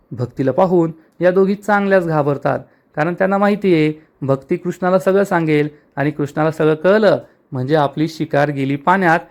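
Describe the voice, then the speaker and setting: A man narrating a recap of a TV serial episode in a lively storytelling manner, addressing listeners as friends. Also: a little high.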